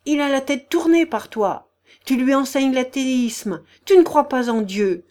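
A woman reading an audiobook, voicing a domineering older noblewoman who scolds in shrill outbursts. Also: expressive, a little slow, a little mellow. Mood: furious. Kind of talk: audiobook character voice.

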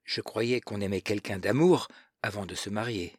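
A man reading aloud as a shy, earnest young girl puzzling over grown-up things, asking her questions hesitantly in a storybook reading. The voice is slightly husky and sits dry and close. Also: on the low side, moderate pace, dry recording. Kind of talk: audiobook reading of a novel.

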